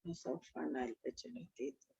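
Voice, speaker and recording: A woman's voice: lowish voice, sing-song, brisk, creaky, warm tone, highs cut off. A woman teacher giving an online language lesson, patiently explaining step by step and asking students to read aloud.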